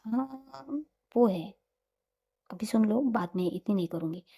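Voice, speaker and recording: A woman voicing a young woman in love, tender and teasing, speaking softly and half-whispered. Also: medium pitch, lively intonation, measured pace, gravelly, slightly rough, exaggerated voice.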